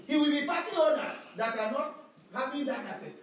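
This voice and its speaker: A woman with a high, lively voice preaches a sermon at a fairly quick pace, calling out to the congregation and repeating emphatic refrains in call-and-response style. The recording is very noisy, captured by a distant mic in an echoey hall, and the sound is dull.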